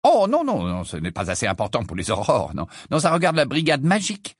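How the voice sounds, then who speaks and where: A man voicing a kindly, excitable middle-aged wizard who stammers and hurries. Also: mid-range voice, brisk, slightly rough, dry recording, studio quality, voice pushed up. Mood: flustered.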